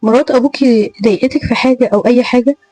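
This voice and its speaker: A woman's voice: on the high side, fast talker, warm tone, no room sound, lightly acted, poor audio. A woman with an Egyptian accent voicing a worried, protective older brother who asks concerned questions. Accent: Egyptian Arabic.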